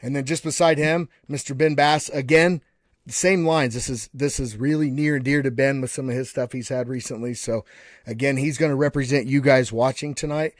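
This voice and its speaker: A man's voice: medium pitch, fairly even intonation, normal speed, no room sound, clean studio sound. A man hosting a live online panel in a casual, folksy way, calling everyone buddy and often restarting his words. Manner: frequent restarts and repeated words. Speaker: host of a live panel show.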